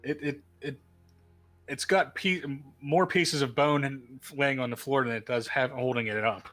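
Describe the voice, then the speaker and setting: A man runs a tabletop game in a slow, unhurried way, stumbling over his words and laughing along. His voice is bright and forward. Faint music plays behind him. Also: mid-range voice. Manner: relaxed, halting, laughs often. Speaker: game master.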